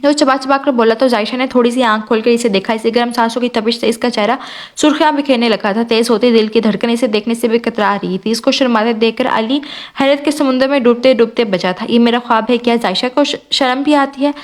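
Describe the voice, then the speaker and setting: Woman narrating an audio novel, higher voice. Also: fairly even intonation.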